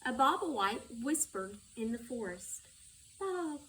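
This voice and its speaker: Slowly and in a sing-song way, a school superintendent reads a children's book, her fairly high voice a bit bright. A distant mic captures her along with background noise.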